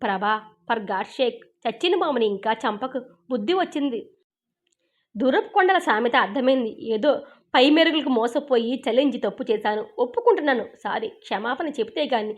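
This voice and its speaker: Self-pitying husband from a storybook reading, read by a woman; high, aggrieved. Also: lively intonation, moderate pace, highs cut off, natural voice. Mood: pleading. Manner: aggrieved, complaining tone. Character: remorseful middle-aged husband, sulking and self-pitying.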